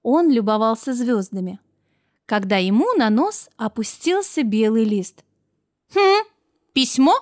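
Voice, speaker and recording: A woman narrating a children's story in a warm, gentle storytelling voice with expressive lifts. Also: fairly high pitch, unhurried, no room sound, clean studio sound.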